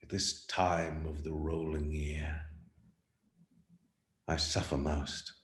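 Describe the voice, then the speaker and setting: A tormented male ghost declaims slowly in a roomy echo. His grave, remorseful words swell and sink with theatrical weight, in the manner of a radio play. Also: extremely low pitch, exaggerated voice. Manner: solemn, drawn-out declamation with big swells and hushed drops. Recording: roomy, echoing sound.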